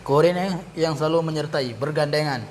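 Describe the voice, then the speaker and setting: A man teaching Arabic grammar in a classroom lesson, repeating each term and pausing to correct himself. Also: fairly high pitch, steady tone, a little hiss or hum.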